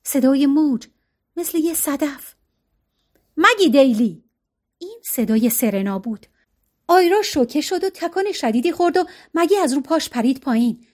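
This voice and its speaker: Woman reading an audiobook, high voice, even and expressive. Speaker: audiobook narrator. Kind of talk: audiobook narration.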